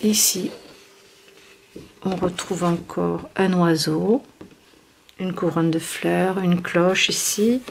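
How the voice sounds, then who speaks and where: A woman's voice: on the low side, fairly even intonation, takes it slowly, gravelly, long pauses, slight background noise. A woman hosting a craft channel, chatting casually through a product review with many fillers and restarts. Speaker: scrapbooking channel host.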